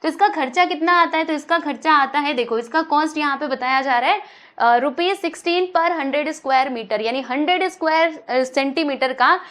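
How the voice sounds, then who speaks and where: A woman teaching a maths lesson, coaxing the class with questions she answers herself, slowing down to read the English problem text aloud. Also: sits high, a bit bright.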